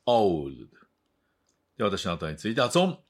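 Male English tutor, lowish and very animated in pitch, unhurried, models each word for listeners to repeat. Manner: slow, deliberate modeling of words for learners to repeat. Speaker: English teacher. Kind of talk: bilingual story reading and pronunciation drill.

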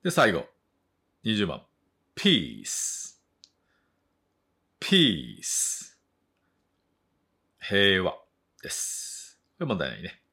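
Husky low-voiced man teaching English words. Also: wildly swooping pitch, pushed and bright. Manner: slow drawn-out model words, then quick chatty asides; repeats each word twice for learners. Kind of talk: vocabulary pronunciation lesson.

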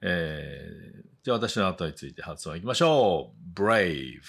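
A man teaching English vocabulary and pronunciation, saying each word slowly twice and chatting briskly in between. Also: deep voice, lively intonation, gravelly, husky. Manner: slow drawn-out model words, then quick chatty asides.

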